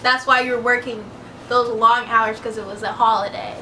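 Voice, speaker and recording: A twenty-year-old woman co-hosts a casual Q&A vlog, speaking at a moderate pace in a fairly high voice. She's easygoing and says "um" a lot. The mic is distant, with steady background noise.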